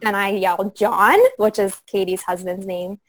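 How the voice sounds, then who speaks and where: A young woman guest on a podcast interview, speaking softly and reflectively with frequent pauses and fillers. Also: medium pitch, little pitch movement, rough recording. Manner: soft, reflective, many fillers. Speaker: guest sharing her story. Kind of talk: conversational interview.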